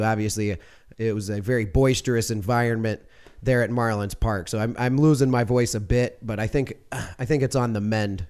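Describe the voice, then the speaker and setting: In a smooth, mid-range voice with a slightly dark tone, a sports podcast host delivers a casual monologue on his own. His talk is rambling and jokey, with regular mid-sentence self-corrections.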